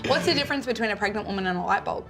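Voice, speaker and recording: A woman telling a dad joke in casual chat, with music behind her. Her pitch sits in the middle, and her delivery is giggly and a little apologetic. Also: expressive, very fast, vocal fry. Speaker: contestant in a dad joke contest.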